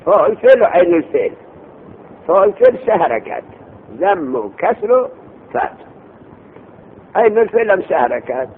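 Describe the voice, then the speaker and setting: A man teaching a classroom lesson, explaining terms over and over and quizzing his students. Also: long pauses. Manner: lively, repeats terms, asks students questions. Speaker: teacher of Arabic morphology. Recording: tinny phone-like recording with faint rumble.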